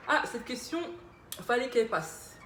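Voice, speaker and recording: A woman's voice: a little high, animated, unhurried. Casual YouTuber, young woman, playful and chatty, roomy echo, faint hum behind. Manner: chatty, playful, self-mocking. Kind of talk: casual Q&A vlog. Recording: echoey room with faint ambience.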